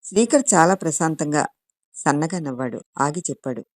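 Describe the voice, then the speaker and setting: Low-voiced woman reading a story aloud. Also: expressive, normal speed, no room sound, clean studio sound. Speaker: story reader. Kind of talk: scripted audiobook narration.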